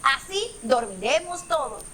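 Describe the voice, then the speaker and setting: Storybook tapir, kind and comforting, voiced by a woman, a touch high and unhurried. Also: big pitch swings, a little hiss or hum, full character voice. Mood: caring. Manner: gentle and comforting.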